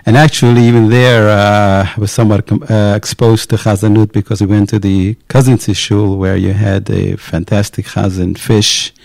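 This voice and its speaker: A male cantor being interviewed, recalling his early years in an unhurried, storytelling way. His voice is low, dark and gravelly. The recording is close and dry. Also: little pitch movement, no echo. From United States. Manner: unhurried storytelling with occasional fillers. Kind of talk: casual interview, recounting his background.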